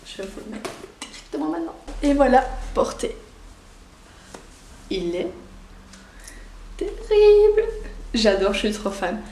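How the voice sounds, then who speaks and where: A woman's voice: medium pitch, a little hiss or hum. Young Belgian woman vlogger, Belgian French accent, eager and rambling, distant mic, roomy echo. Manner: chatty and excitable, many fillers. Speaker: YouTuber. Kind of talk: casual unboxing vlog. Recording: echoey room, voice somewhat off-mic.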